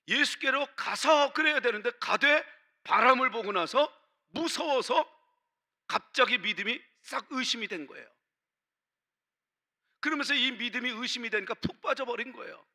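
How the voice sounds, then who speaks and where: A man's voice: very high voice, pushed and bright. A man preaching a sermon as pastor in a church, emphatic, asking his congregation questions.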